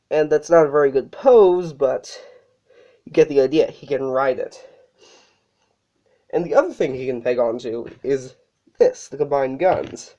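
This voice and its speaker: This toy reviewer has a warm, mid-range voice and talks through a hands-on review in a casual way. Sick and a bit short of breath, they fill pauses and fix their own slips, all captured on a dull, lo-fi recording.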